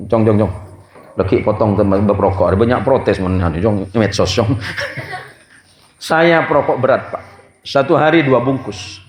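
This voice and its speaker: A man, preaching to a gathering and telling jokey stories in a lively way. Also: on the low side, normal speed, pauses often. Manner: jokey, lively, mixes in regional dialect. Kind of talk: humorous sermon storytelling. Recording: echoey hall through a PA.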